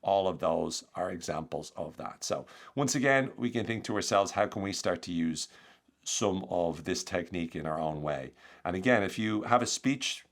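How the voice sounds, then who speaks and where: A man with a lowish voice teaches on his podcast, chatty and energetic. He walks through ideas one example at a time in a conversational flow. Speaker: podcast host, communication coach.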